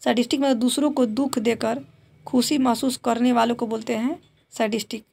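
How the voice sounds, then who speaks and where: Woman teacher drilling vocab words over and over, slightly high voice with lots of gravelly fry. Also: steady tone, normal speed, a little mellow. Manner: repeats each word with a drilling "what do we call it?"; mixes Hindi explanations with read-out English definitions. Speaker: English teacher. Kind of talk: exam vocabulary lesson.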